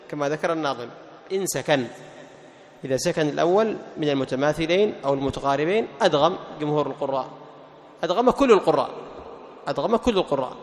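A male Quran teacher explaining tajweed rules to a class. He asks questions, answers them himself, repeats the key terms and slows down to recite the verse examples. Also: a little high. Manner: recites verses slowly and melodically. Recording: long hall reverb.

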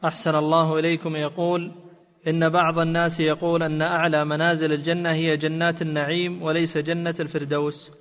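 A man with a slightly high, very flat voice reads out questions in a steady, formal tone. He sits a little off the mic, and a long hall reverb trails each phrase. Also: fast talker. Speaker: reader of submitted questions. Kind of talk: reading questions aloud.

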